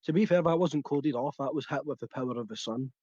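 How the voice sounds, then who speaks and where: A man's voice: medium pitch, quick pace, a little mellow, no room sound, dull audio. A man co-hosting a podcast, chatting about films, often laughing and searching for the right words. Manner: chatty, laughs while telling, hunts for words. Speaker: podcast co-host. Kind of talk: casual film chat.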